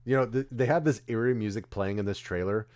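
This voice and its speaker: A man's voice: on the low side, fast, over music. A man co-hosting a stream, chatting casually about movie trailers and often losing track of names mid-sentence. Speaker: streamer co-host. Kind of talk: casual chat.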